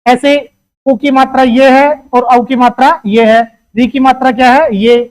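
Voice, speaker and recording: A high-pitched teacher runs an exam-prep grammar lesson. The teacher asks a steady string of questions, answers each one, and addresses the students affectionately as "beta.". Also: a little slow, rough recording. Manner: asks questions, answers them itself, calls listeners "beta".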